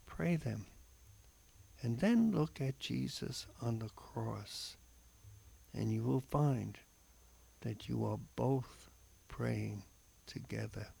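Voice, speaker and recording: Casting: man, devotional radio co-host with a very gravelly, slightly quick delivery, earnest and emphatic. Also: medium pitch, expressive, mellow. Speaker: religious radio show co-host. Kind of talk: radio conversation and devotional reading.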